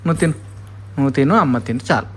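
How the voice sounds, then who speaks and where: A man's voice: medium pitch, rapid-fire, fairly bright tone, slightly rough. A father, chatting at home with his toddler, coaxing and scolding by turns and repeating words for her. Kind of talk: casual family chat with a toddler.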